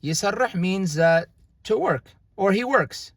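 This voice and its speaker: A man's voice: sits high, animated, a bit bright, no echo. A young man teaching a casual grammar lesson, explaining unhurriedly with frequent fillers and restarts. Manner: unhurried, halting, with many fillers. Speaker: language teacher.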